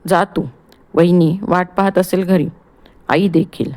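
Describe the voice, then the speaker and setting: A woman's voice: lowish voice, measured pace, a little mellow. A woman voicing a bitter, distraught young wife in an audiobook play reading, speaking curtly. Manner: curt and bitter.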